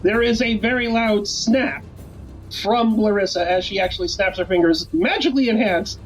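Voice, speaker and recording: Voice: mid-range voice, normal speed, faint music behind, rough recording. A game master narrating a tabletop game, rambling and often correcting themself mid-sentence. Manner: rambling, self-correcting, laughing.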